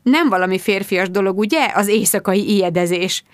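A woman's voice: medium pitch, smooth, no room sound, clean studio sound, close to an everyday voice. A woman reading an audiobook, voicing a flustered grown man who speaks in a sheepish, breathless way.

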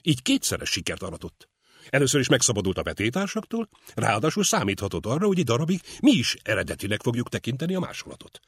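Male narrator, husky and low, lively storytelling, dry booth. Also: no room sound. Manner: lively, expressive reading. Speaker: audiobook narrator. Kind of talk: scripted narration.

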